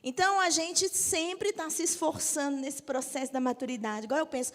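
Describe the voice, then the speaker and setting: A woman's voice: sits high, normal speed, a bit bright. A woman in her fifties, a Methodist bishop, preaching directly and often asking the audience if they agree. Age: 50s. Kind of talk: sermon. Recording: long hall reverb.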